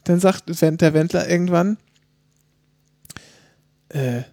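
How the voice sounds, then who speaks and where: A man co-hosting a casual chat, retelling scenes in lively detail and quoting people in lowered mock voices. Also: slow pace, vocal fry, no room sound. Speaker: podcast co-host.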